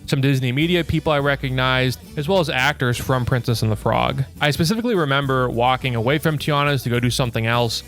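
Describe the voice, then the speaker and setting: A man's voice: mid-range voice, fast talker, few pauses, a bit bright. A young man narrating a scripted video essay, blunt and opinionated, with a sarcastic edge. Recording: faint music under the voice.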